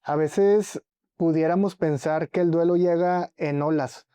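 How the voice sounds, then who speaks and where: A man's voice: a little high, steady tone, unhurried, warm tone, smooth, dry recording, clean studio sound. A man interviewing a guest and asking short, reflective questions.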